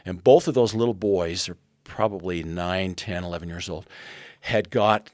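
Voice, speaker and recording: A man's voice: deep voice, moderate pace, no room sound. A man in his sixties, a podcast guest, earnestly retelling a historical story and quoting the people in it. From United States. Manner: earnest, retells events with quoted dialogue.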